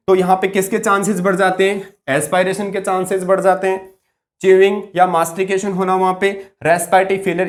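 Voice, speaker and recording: Man lecturing with self-answered questions. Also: sits high. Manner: asks rhetorical questions and answers them himself; slows down to stress key terms word by word. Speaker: nursing tutor. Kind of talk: exam-focused classroom lecture.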